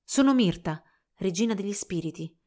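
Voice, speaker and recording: A woman's voice: medium pitch, lively intonation, moderate pace, a little mellow, natural voice. Cold imperious spirit queen, storybook ghost, a woman voicing her, icy commands. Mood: commanding.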